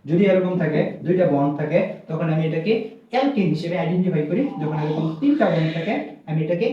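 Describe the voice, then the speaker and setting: A man's voice: fairly high pitch, expressive, fast. Male chemistry teacher, mic far away, muffled lo-fi recording. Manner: asks the students questions and answers them himself. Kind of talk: recorded lecture. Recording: very echoey room, distant mic, muffled sound.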